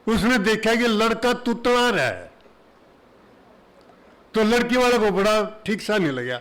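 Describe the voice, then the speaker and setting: High-voiced Haryanvi comic, unhurried. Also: male voice, animated, fairly bright tone, low-quality recording. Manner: folksy, chatty joke-telling in Haryanvi dialect. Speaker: comic poet performing on stage. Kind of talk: stand-up humorous storytelling and verse. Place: auditorium before a live audience.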